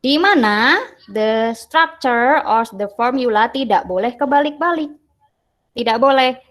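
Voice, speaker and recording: Slow, patient Indonesian woman teacher. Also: on the high side, animated, fairly bright tone. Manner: explains patiently, translating each English phrase into Indonesian. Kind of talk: online English lesson explained in Indonesian.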